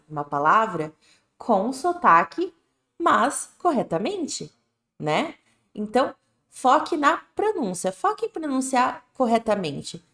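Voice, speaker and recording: This woman, whose accent is Brazilian Portuguese, leads an English lesson on a live stream in a casual, direct manner and keeps asking "né?" and "tá bom?". She speaks at medium pitch with a fairly bright tone, in a room with echo.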